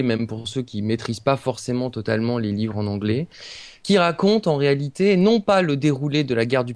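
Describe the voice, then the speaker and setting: A man reviews a book for a podcast in a mid-pitched voice. He is earnest and halting, and often stops on filler sounds. The sound is dry and close, with no room echo. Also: a little mellow. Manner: earnest and hesitant, with frequent filler pauses. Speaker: podcast columnist.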